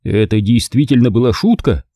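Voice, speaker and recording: A man reading an audiobook, voicing a formal butler who speaks in a flat, level tone. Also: mid-range voice, normal speed, no echo, studio quality, lightly acted. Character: stiff, deadpan male butler. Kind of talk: audiobook character voice.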